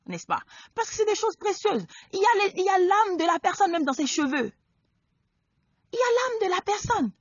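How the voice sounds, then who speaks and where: A woman preaching a sermon. She exhorts her listeners, swinging between loud emphatic peaks and low quiet asides. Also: no room sound. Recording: dull lo-fi dry recording.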